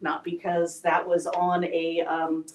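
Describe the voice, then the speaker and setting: A woman speaks slowly in a low, monotone voice while telling an emotional and candid personal story. She is addressing a live audience at a speaker event in an event hall, recorded from afar in an echoey room.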